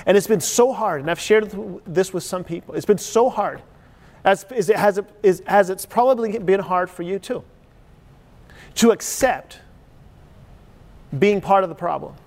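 High-pitched pastor in his 40s, earnest and searching, lots of rhetorical questions, big reverberant hall. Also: a little slow, long pauses, a little mellow. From Chile. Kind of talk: sermon.

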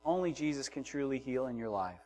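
A middle-aged man preaching a sermon, moving from hushed, quiet passages to loud, emphatic ones and acting out the voices in the story. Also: mid-range voice, lively intonation, brisk. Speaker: pastor.

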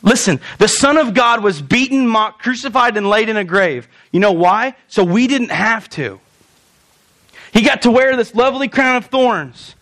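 A man's voice: sits high, expressive, moderate pace, fairly bright tone. A man preaching a sermon as pastor in a church, telling the story with animation and acting out the scenes.

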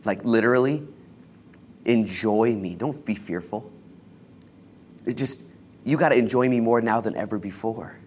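An American man preaching an informal sermon as a pastor, exhorting in casual, slangy language and shifting between hushed and emphatic delivery. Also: fairly low pitch, measured pace, long pauses, slight background noise. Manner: casual, colloquial, exhorting, with slangy asides and acted-out quotes.

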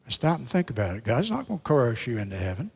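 A man's voice: medium pitch, sing-song, slightly rough. Preaching man echoing through a church hall. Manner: dramatic preaching that swings between loud emphatic lines and hushed, slowed phrases. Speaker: pastor. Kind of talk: sermon. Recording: long reverb of a large hall.

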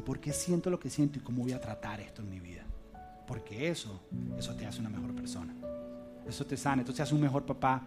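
Earnest pastor, soft guitar behind. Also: male voice. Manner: earnest, confiding, drops to soft low tones. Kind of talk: sermon. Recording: music playing behind.

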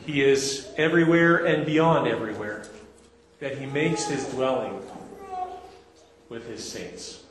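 A man's voice: mid-range voice, measured pace, long pauses. A man preaching an earnest, conversational sermon, reading scripture aloud and explaining it, in a church sanctuary. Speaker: pastor. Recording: echoey hall with long reverb, faint hiss.

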